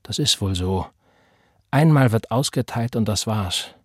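A man's voice: on the low side, expressive, measured pace, breathy edge, no room sound, clean studio sound. A man doing a fragile young mother. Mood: subdued. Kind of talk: audiobook character voice.

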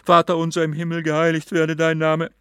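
A man's voice: medium pitch, expressive, slow pace, no echo, studio quality. A man voicing a terrified male hermit who shrieks and prays frantically. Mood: frantic prayer.

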